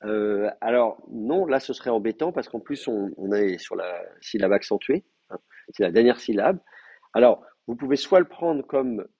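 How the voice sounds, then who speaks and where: Guy teaching a class, husky low voice, lots of ums while he thinks, muffled lo-fi sound. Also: lively intonation, normal speed, warm tone. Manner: hesitant, thinking aloud with many fillers. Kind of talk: lecturing in a language class.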